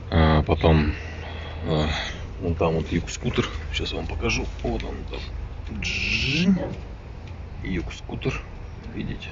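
Low-voiced man vlogging over street noise. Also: gravelly. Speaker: motovlogger. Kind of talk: casual vlog chat to viewers. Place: outdoors, street and pavement cafe table. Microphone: handheld phone close to the speaker. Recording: muffled phone audio with street noise.

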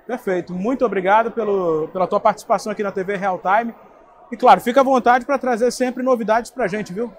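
A man's voice: high voice, a little fast, slight background noise. A young man, interviewing a guest at a trade fair booth on a lapel mic. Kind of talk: event interview.

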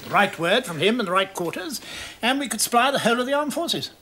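A man's voice: sits high, expressive, fast talker, pushed and bright, a little hiss or hum. An actor playing a blustering, pompous upper-class father in a sitcom, with studio audience laughter. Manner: pompous, indignant. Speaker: aristocratic father. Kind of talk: 1990s studio sitcom acting.

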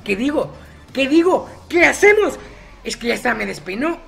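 A man's voice: very high-pitched, lively intonation, fairly quick, vocal fry, faint music behind. A man commenting on his own gameplay, chatty and teasing his opponents by name. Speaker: gaming YouTuber.

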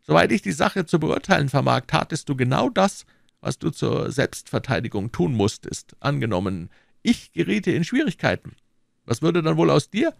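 A scheming persuader who talks down to his listener, coaxing and lecturing, as a man reads him in a raised, lively voice. The voice sits well above the reader's own and swoops about. It is a dry, close audiobook recording. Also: on the high side, normal speed, gravelly, dry recording, pitched above the performer's own voice, heavily acted. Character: scheming smooth-talking man, cold persuader. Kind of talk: audiobook character voicing.

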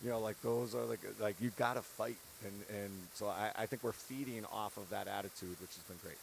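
Gravelly and lowish, his voice keeps a steady tone at a fairly quick pace. The head basketball coach, in his thirties, speaks earnestly and candidly into a handheld mic after the game, laughing between points, on a courtside set in an empty arena; the rough recording carries slight background noise.

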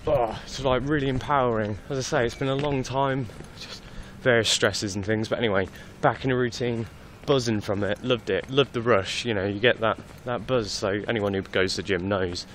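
A man's voice: medium pitch, fairly even intonation, moderate pace, few pauses, fairly bright tone, a little hiss or hum. A man in his twenties talking casually to a phone camera after a workout, tired but chatty and candid. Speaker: fitness vlogger. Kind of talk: casual video diary. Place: outdoors at night on a street. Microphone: phone held at arm's length.

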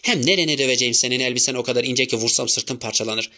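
A man reading an audiobook, voicing a furious old male work-team boss who shouts threats. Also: mid-range voice, expressive, a little fast. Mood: raging.

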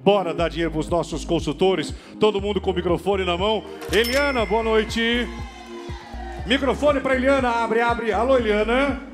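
A man hosting a TV variety show, excitedly calling out to guests and audience. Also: high-pitched, normal speed. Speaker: TV host. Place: TV studio. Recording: music playing behind.

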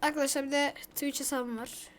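A woman YouTuber giving casual commentary while playing a mobile game, excitable and prone to frantic repeated complaints. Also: high-pitched, a little fast, slight background noise. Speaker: gaming YouTuber.

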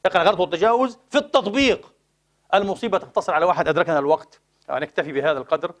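A man giving a Friday sermon lecture, animated and full of rhetorical questions to the congregation. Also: sits high, racing. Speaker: preacher.

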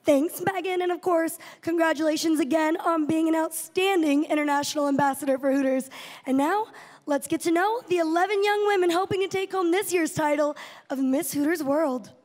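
Very high-voiced woman presenting backstage. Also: fairly quick. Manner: bright, scripted presenter delivery. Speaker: backstage interviewer. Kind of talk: live show presenting. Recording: reverberant hall.

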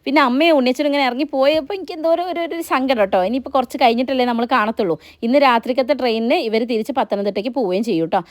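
Fast-talking chatty woman vlogger. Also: sits high, dry recording, clean studio sound. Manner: chatty, rambling, frequent "ttoo" tags. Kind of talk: casual family vlog narration.

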